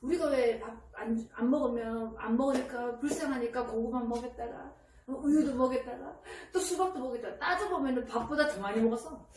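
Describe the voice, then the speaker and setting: A woman giving parenting advice in casual counseling talk, lively and animated, often acting out a child's voice. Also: sits high, brisk. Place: counseling room indoors. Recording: echoey room from a distance, faint ambient noise.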